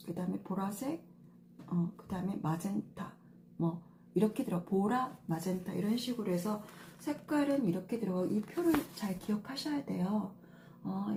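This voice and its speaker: In an echoey room with faint ambience and slight background noise, a middle-aged stylist patiently walks through color coordination step by step. Her casual lesson is full of fillers, delivered at medium pitch with a dark tone.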